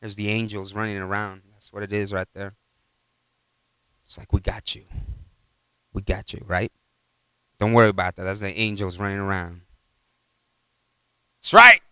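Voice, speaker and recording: A man's voice: on the low side, bright, forceful tone, clear, resonant tone, no room sound. A man preaching a conversational sermon in a church, rambling through retold exchanges and peppering his talk with "you know.".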